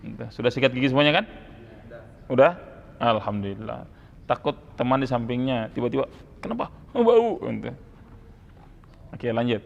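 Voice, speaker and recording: A man's voice: mid-range voice, moderate pace, vocal fry, long pauses, muffled recording. A man coaching students on Quran recitation, correcting their pronunciation and demonstrating sounds over and over, with a teasing edge. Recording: hall reverb, faint ambient noise.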